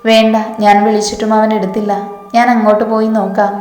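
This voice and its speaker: A woman's voice: medium pitch, little pitch movement, fast talker, a little mellow, roomy sound, big-room sound, soft background music, natural voice. A woman narrator voicing a protective, commanding young man who speaks firmly.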